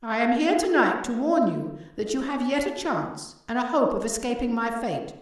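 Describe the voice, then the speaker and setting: A woman's voice: a little high, lively intonation, moderate pace, natural voice. A woman voicing the ghost of a dead businessman, solemn and declaiming. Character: ghost of a dead old businessman, grave and mournful. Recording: heavy echo, distant from the mic.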